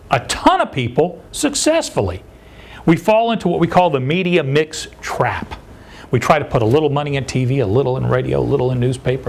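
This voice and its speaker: An older man, a sales consultant, giving a seminar talk and putting questions to his audience. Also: on the high side. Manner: animated, addresses audience with questions.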